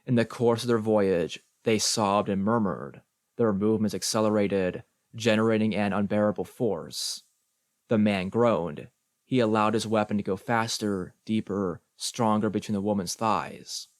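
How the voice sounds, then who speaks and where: A man reading experimental prose for an audiobook, slow and deliberate, in measured, clipped phrases. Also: fairly low pitch, dry recording, studio quality. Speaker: audiobook reader.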